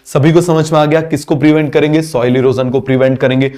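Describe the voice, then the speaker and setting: A man's voice: on the high side, flat delivery, fast talker, warm tone. A male teacher giving a biology class, asking constant questions, having students repeat answers, and mixing English terms into Hindi.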